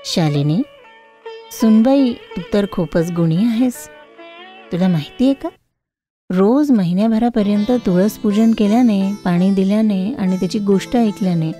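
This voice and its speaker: A woman voicing a kindly older neighbor woman in a cartoon story, giving slow, gentle advice. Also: mid-range voice, close to an everyday voice. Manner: slow, advising.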